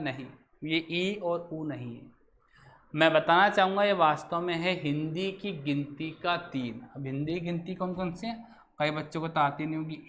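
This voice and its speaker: A man's voice: on the high side, fairly bright tone, slight background noise. A male teacher explaining a grammar lesson while writing on a board, who asks his students questions and then answers them himself.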